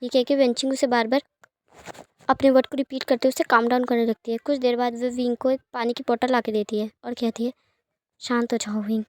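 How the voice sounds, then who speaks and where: High-voiced woman narrating a romance story. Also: little pitch movement, a little fast, dry recording. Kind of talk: dramatic fan-fiction narration.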